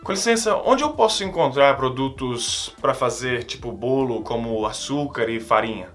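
Bright-voiced man teaching English. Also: medium pitch, animated, faint music behind. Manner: repeats English phrases slowly and clearly. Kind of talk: language lesson, slow model phrases.

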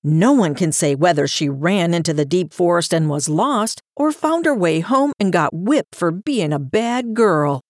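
A woman narrating a fairy tale aloud in an expressive, sing-song storybook manner. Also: lowish voice, measured pace, hardly any pauses, no room sound, clean studio sound.

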